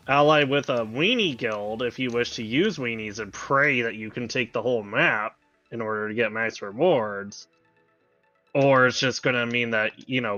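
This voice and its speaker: Bright-voiced blunt man on voice chat. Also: mid-range voice, dull audio. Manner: blunt, profane, complaining. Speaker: guest co-player. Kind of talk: casual gaming chat.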